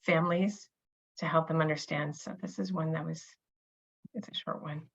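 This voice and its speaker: A woman's voice: sits low, fairly even intonation, moderate pace, husky, highs cut off. A woman hosting a professional webinar, explaining in a conversational way over a video call. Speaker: webinar host.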